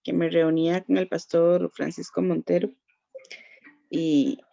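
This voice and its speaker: Costa Rican woman pastor, heavy vocal fry, muffled dry recording. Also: fairly low pitch, flat delivery, a little slow, warm tone, no room sound. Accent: Costa Rican Spanish. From Costa Rica. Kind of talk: personal testimony in a church group.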